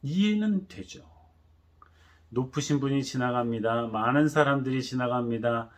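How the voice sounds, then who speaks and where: A pastor preaching a sermon, telling the story animatedly and acting out the voices. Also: male voice, medium pitch, normal speed.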